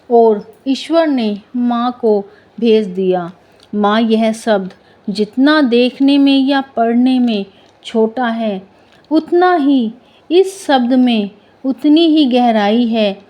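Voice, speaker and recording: A woman's voice: fairly high pitch, darkish tone. A woman reciting a tender devotional poem and narrating a story as the host of a storytelling channel.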